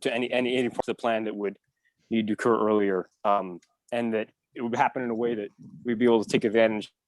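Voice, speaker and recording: A man's voice: on the low side, level tone, no echo. Man on a choppy call, volume cutting in and out. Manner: halting, hesitant, many fillers and restarts. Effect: choppy call audio, volume cutting in and out. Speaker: public commenter calling in to a city council meeting. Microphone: remote call-in line.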